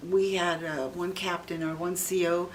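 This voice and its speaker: An older woman who served in the military reminisces informally about her service during an interview. Her voice is on the low side, flat and a little slow, picked up by a distant microphone in a clearly noisy room.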